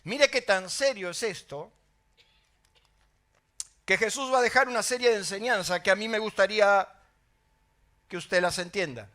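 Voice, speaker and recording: A middle-aged Argentine man preaching a sermon as pastor, telling stories in an animated way with emphatic exclamations. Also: high-pitched, normal speed, pauses often. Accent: Argentine Spanish.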